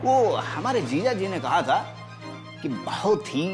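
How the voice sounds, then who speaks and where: A man with a slightly high voice plays a cocky, quarrelsome sitcom role, talking with rustic swagger. Loud music sits under his lines in this TV recording. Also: very animated, slow pace. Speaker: sitcom character, brother-in-law. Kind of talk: sitcom acting.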